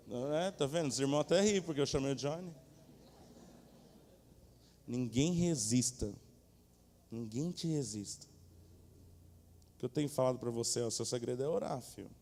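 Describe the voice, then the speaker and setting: A man preaching a sermon from a church stage in a lively, colloquial way, speaking directly to the congregation. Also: mid-range voice, fast, long pauses, slight background noise. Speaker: pastor. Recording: echoey church hall.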